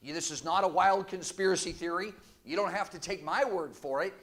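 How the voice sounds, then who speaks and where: Male preacher, high register, forceful sermon delivery with sarcastic asides. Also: brisk. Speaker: guest preacher. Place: church.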